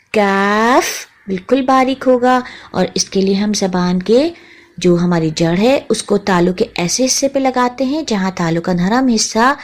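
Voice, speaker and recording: A woman teaching a tajweed lesson, patiently naming letters one by one and repeating each sound slowly. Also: mid-range voice, darkish tone. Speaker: Quran recitation teacher.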